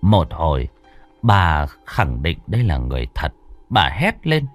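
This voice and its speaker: A male narrator telling a spooky tale with a somewhat low voice that swings widely in pitch. The sound is dry and close, with faint background music running under the narration. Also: huge pitch swings, unhurried, no room sound. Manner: suspenseful, vivid storytelling cadence. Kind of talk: dramatic ghost-story narration.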